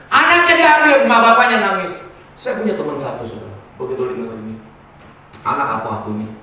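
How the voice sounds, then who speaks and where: A male pastor preaching a sermon to his congregation, swinging between loud emphatic lines and quiet asides. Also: a little high, slight background noise. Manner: addresses the congregation as saudara. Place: church hall. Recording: very echoey church hall, mic at a distance.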